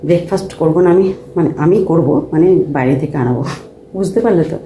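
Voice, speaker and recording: Home vlogger, woman, casual soft chat into a handheld phone, echoey room, background noise. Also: low voice, fairly quick. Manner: speaks softly at night so as not to wake family. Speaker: vlogger, mother of two daughters. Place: home, bedroom and kitchen.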